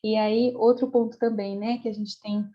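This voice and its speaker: A woman's voice: medium pitch, little pitch movement, normal speed, dull audio. A woman guest on a podcast, explaining parenting ideas at length, often ending phrases with tag questions and acting out parents' scolding lines.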